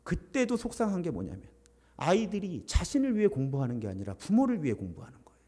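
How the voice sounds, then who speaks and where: Lively, mellow-voiced male pastor preaching. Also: sits high, fast. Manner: animated, emphatic preaching with acted quotes. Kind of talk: sermon.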